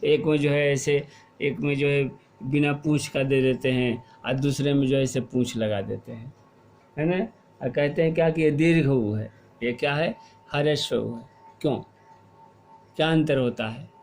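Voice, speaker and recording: A middle-aged man teaching a class, explaining slowly and asking questions, then repeating the answers. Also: medium pitch, a little mellow, soft background music. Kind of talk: classroom lesson.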